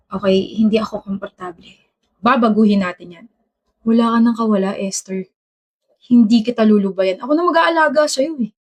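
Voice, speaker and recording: A woman acting in a romantic comedy skit, trading teasing, playful banter. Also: on the high side.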